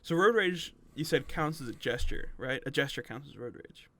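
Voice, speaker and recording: A man's voice: mid-range voice, animated, normal speed, sharp tone. A man co-hosting a podcast, chatting casually and pushing back with short, skeptical replies. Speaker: podcast co-host. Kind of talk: casual chat.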